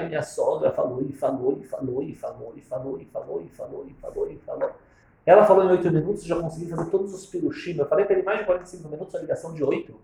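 A man preaching through a personal story, his pitch leaping and dropping as he acts out each exchange. His voice sits a little high and rings in a roomy, echoey space. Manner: animated, acts out dialogue. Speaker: religious speaker. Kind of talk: storytelling sermon. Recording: roomy echo.

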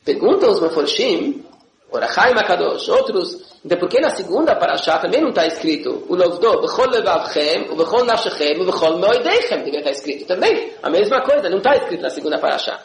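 Man, religious teacher, animated classroom lesson, raspy high voice, echoey room. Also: a little fast, a little hiss or hum. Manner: animated, often checks in with listeners.

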